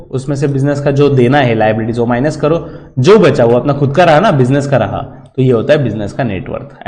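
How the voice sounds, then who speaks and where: This recorded lecture for students features a man whose mid-range voice is a little mellow, teaching commerce with an Indian English accent. Speaking Hindi sprinkled with English terms, he walks through the material step by step and repeatedly asks "theek hai." The sound carries a long hall reverb.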